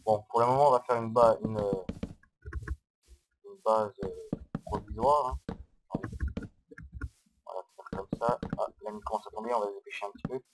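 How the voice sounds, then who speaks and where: A man giving casual, hesitant gameplay commentary, explaining step by step on a low-quality microphone. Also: steady tone, moderate pace, long pauses, noisy background. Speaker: Minecraft let's-player.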